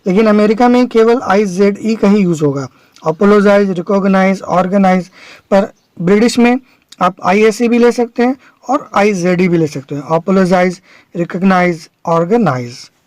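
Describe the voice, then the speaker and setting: A man's voice: sits high, normal speed, darkish tone, no room sound, rough recording. A man teaching an exam-prep vocabulary lesson, explaining step by step, repeating his examples and checking that his students understand. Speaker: English teacher.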